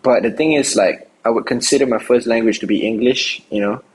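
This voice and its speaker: Talking a little fast in a mid-range voice, a young Singaporean rapper gives loose, rambling interview answers outside, full of fillers and false starts. The audio is poor, with a bit of hiss or hum.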